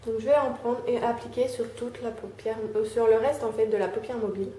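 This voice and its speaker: A young woman talking through a casual makeup tutorial, filling pauses with "euh" and "hein" as she applies makeup. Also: a little high, steady tone, mellow. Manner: chatty, fills with "euh" and "hein", talks while applying makeup. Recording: echoey room, faint background noise.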